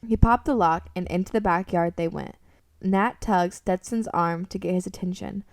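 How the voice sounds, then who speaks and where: Speaking at normal speed with a voice on the low side, a woman reads scripted narration for an amateur radio drama, and her voice has studio quality. Because she is recorded in a room a little distant from the mic, the audio sounds roomy.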